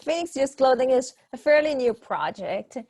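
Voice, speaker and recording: A woman's voice: high voice, lively intonation, moderate pace, a little mellow, no room sound. A middle-aged woman from Guyana, a guest talking about recycling in a friendly, chatty way on a live video call.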